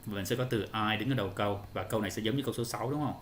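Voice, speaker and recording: A man's voice: fairly low pitch, very fast, a little hiss or hum. A male English teacher, explaining answers step by step to children in an online lesson.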